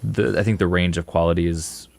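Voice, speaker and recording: Deep and gravelly, a young man's brisk voice comes through as he's interviewed as a filmmaker guest. He replies casually and ramblingly, leaning on fillers.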